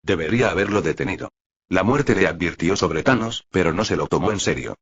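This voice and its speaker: A man narrating an audiobook in an even, dramatic storytelling manner. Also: low-pitched, fairly quick, slightly rough, dull audio.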